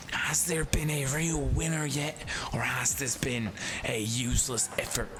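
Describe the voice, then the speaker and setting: Guy doing a slow breathy nature documentary narrator for game commentary, hushed and dramatic, noticeable noise behind. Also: medium pitch, close to an everyday voice. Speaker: gameplay commentator.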